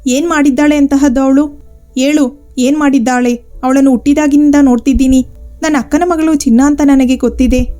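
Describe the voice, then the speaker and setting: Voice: high voice, fairly even intonation, brisk, mellow, soft background music, natural voice. Woman voicing a stern protective uncle. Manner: stern and defensive. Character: protective middle-aged husband and uncle.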